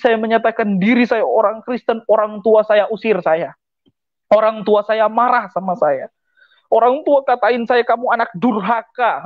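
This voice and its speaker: A man's voice: very high-pitched, no room sound, phone-quality sound. A man telling his personal faith testimony in an earnest storytelling manner, acting out the things people said to him.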